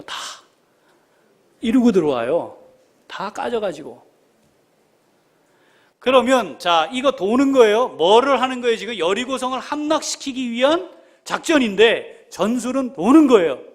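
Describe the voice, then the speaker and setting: A man's voice: sits high, big pitch swings, unhurried, pauses often. A male pastor preaching a sermon, firing rhetorical questions at the congregation, calling members by name and dropping to a whisper when he prays.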